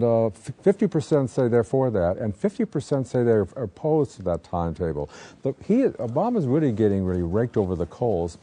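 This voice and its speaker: A man co-hosting a casual political chat from a newsroom, talking in halting phrases full of fillers and restarts. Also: on the low side, mellow. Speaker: newspaper political reporter co-hosting.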